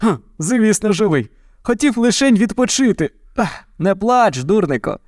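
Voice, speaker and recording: A man's voice: high voice, very animated, measured pace, darkish tone, no echo, clean studio sound, pitched above the performer's own voice. A man voicing a good-natured, grumbling bear in a storybook reading, with a teasing manner. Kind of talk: storybook narration.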